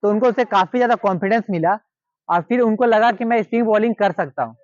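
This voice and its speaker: A man's voice: high-pitched, quick pace, no echo, highs cut off. A man with a Hindi-speaking Indian accent telling a cricketer's story in a casual, repetitive, conversational way, acting out the quoted lines.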